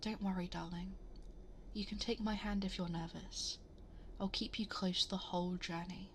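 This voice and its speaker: A woman playing a gentle, motherly, ageless cosmic princess in an ASMR bedtime roleplay, speaking tenderly and reassuringly, often in a breathy half-whisper, close to the microphone. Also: fairly low pitch, fairly even intonation, moderate pace, slight background noise. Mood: soothing, reassuring. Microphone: close binaural 3Dio microphone.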